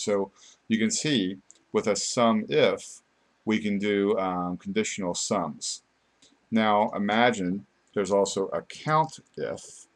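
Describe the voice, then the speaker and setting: Low-voiced male software instructor. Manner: informal, unscripted explaining. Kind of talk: step-by-step screen tutorial narration.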